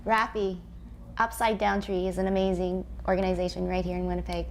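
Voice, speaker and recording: A woman's voice: lowish voice, level tone, brisk, a little hiss or hum. A woman hosting a TV studio interview, asking encouraging questions. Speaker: TV host.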